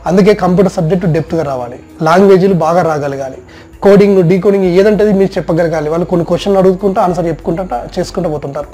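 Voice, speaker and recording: A soft skills trainer gives a direct instructional talk on job placement rounds, addressing the listener head-on and working through long lists of points. His voice is high-pitched and rapid-fire, with faint music playing behind him.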